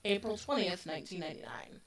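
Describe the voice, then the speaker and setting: With an expressive voice on the low side and a quick pace, this podcast co-host in her forties chats casually about true crime. Her talk is loose and sprinkled with fillers, and she sounds a bit distant from the microphone.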